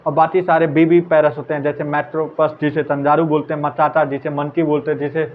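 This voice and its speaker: A man teaching biology as a quick revision lecture, repeating answers and chatting casually with students. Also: fairly high pitch, level tone. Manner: casual, repeats answers, calls listeners brother. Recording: tinny phone-like audio, faint hiss.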